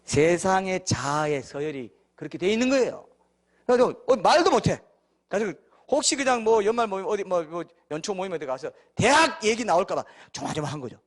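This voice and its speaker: Animated Korean pastor preaching, high voice. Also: male voice, a little fast. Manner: animated, acts out quoted voices, asks the congregation questions. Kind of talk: sermon.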